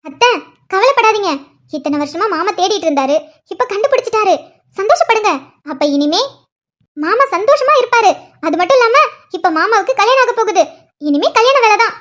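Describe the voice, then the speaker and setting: A woman's voice: extremely high pitch, animated, brisk, long pauses, a bit bright. Woman voicing a bubbly young niece. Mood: cheerful. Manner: bubbly, reassuring, laughing.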